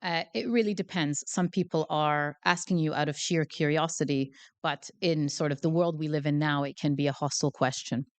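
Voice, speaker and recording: A Canadian woman with a low voice speaks at a moderate pace during a guest academic lecture in a hall. Holding a handheld mic before a live audience, she keeps things chatty and self-deprecating, with plenty of fillers.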